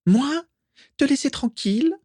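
Brief: squeaky whiny ghost girl, prissy and offended, very high, as a male narrator puts her on. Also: expressive, a little slow, darkish tone, dry recording, clean studio sound. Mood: indignant. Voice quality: squeaky, sing-song. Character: whiny indignant ghost schoolgirl.

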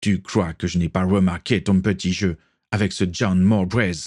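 A man voicing a self-righteous, contemptuous young man in a read-aloud story, lightly raised in pitch. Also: steady tone, normal speed, darkish tone. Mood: mocking.

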